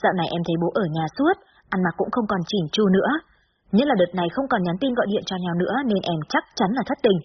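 A woman's voice: medium pitch, expressive, fast talker, dull audio, a little hiss or hum, close to an everyday voice. A woman doing an earnest little sister. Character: young girl, worried little sister.

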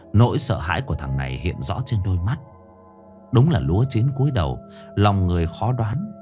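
A man narrating a dark crime story in a grave, dramatic manner. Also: low voice.

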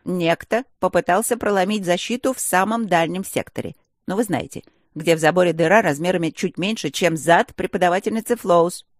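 A narrator voicing a chattering, cheeky female stone gargoyle in a fantasy audiobook, talking fast and mouthy. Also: mid-range voice, no room sound, clean studio sound, lightly acted. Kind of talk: audiobook character voice.

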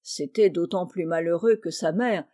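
Female audiobook narrator, mellow tone, expressive storytelling. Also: lowish voice, moderate pace. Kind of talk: audiobook reading of a classic children's story.

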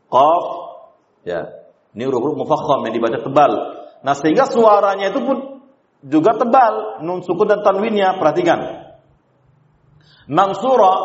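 Man, Indonesian accent, tajwid teacher, slow deliberate delivery, chants examples, roomy muffled recording. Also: on the high side. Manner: explains then chants examples slowly, asks the class questions. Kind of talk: Quran recitation lesson. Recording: roomy, dull lo-fi lecture recording.

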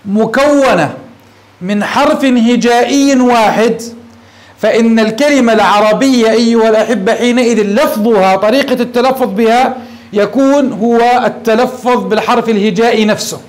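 A man teaching an Arabic grammar lesson, asking his class questions and answering them himself, calling his listeners dear ones. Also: extremely high pitch. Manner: mixes formal Arabic with colloquial asides.

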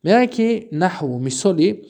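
A man with a Tajik-inflected Persian accent teaching Arabic grammar from a textbook, reading examples slowly and then explaining them quickly, often asking the listener questions. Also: high-pitched, big pitch swings, gravelly, darkish tone. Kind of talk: recorded lesson explaining a textbook.

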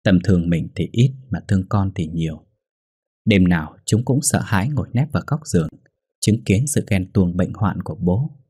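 A man narrating a dark story in a grave, measured voice. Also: low-pitched, expressive, slightly rough, no echo, studio quality.

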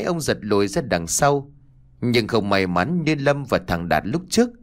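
A man narrating a horror audiobook with an expressive, dramatic delivery. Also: medium pitch. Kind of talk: scripted horror story narration.

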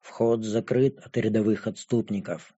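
A man voicing a gloomy, detached young dragon-woman who speaks flatly and slowly in an audiobook. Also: lowish voice, slightly rough, highs cut off, voice pushed down. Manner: flat, indifferent, hushed and slow. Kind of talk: audiobook character voice.

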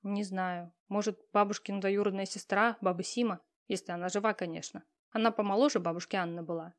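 A woman's voice: medium pitch, steady tone, fairly quick, lightly acted. Flustered young woman student, unsure and nervous, a woman voicing her in an audiobook. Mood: anxious. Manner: hesitant, anxious. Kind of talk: audiobook character reading.

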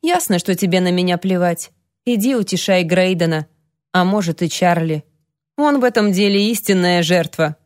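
A woman's voice: on the low side, moderate pace, no room sound, clean studio sound, close to an everyday voice. A woman reading the part of a cocky, show-off young man who turns bitter and sulky. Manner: teasing, then bitter and sulking.

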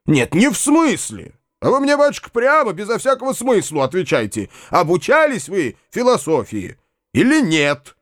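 A man's voice: high voice, wildly swooping pitch, no room sound, studio quality, voice pushed up, full character voice. Man voicing a blustering old landowner. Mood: indignant. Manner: blustering, shouting, quick to temper. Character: irascible older male provincial landowner. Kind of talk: audiobook character voice.

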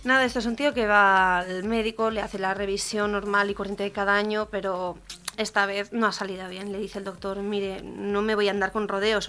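A woman hosting a radio comedy show, telling jokes briskly and laughing at the punchlines. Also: medium pitch, a bit bright.

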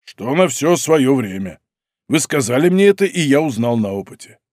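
Brief: a man reading a big, blunt old musketeer baron, hearty and booming, with a lively swing in his tone, for an audiobook. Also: normal speed, dry recording, clean studio sound. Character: boastful burly old male musketeer baron.

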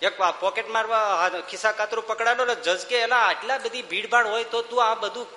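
A man's voice: sits high, steady tone, a little fast, pushed and bright, roomy sound, in a large hall, slight background noise. A man giving a devotional discourse, speaking emphatically with rhetorical questions and breaking into sung verses.

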